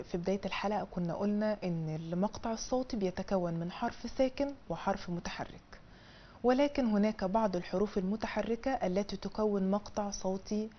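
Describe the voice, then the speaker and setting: A woman with an Egyptian Arabic accent teaching a language lesson on television, explaining step by step in a colloquial way. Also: highs cut off. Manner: drills syllables in a high sing-song, then explains in colloquial Egyptian Arabic. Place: television studio.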